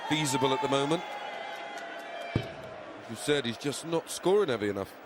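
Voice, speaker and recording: A man's voice: medium pitch, animated, normal speed. A man giving conversational analysis as co-commentator on live darts. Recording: clear crowd and venue noise behind.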